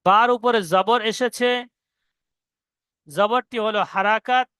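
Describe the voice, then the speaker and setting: A man teaching Quran reading to students, spelling out each letter and syllable slowly. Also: sits high, steady tone, sharp tone, clean tone, dry recording. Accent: Indian Bengali. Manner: slow, drawn-out syllable-by-syllable spelling. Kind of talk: spelling-out recitation lesson.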